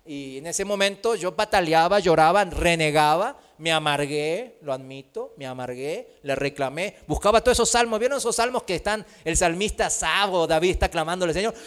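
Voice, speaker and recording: A man preaching a sermon, asking rhetorical questions and tagging his points with a quick "¿no?". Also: fairly high pitch, lively intonation, fairly bright tone, smooth. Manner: rhetorical questions with frequent tag "¿no?"; acts out quoted voices.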